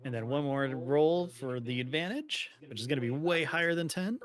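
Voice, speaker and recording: A man's voice: medium pitch, expressive, normal speed. A man playing in a tabletop game, easygoing and joking with the others. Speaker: player. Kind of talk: casual game play.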